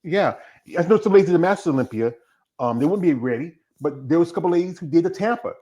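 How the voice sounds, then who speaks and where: A man's voice: on the high side, lively intonation, quick pace, a loud crowd. A man in his fifties hosting a live stream, chatting casually and drifting from one tangent to the next. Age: 50s. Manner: rambling, jumps between tangents. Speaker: host of a bodybuilding live stream.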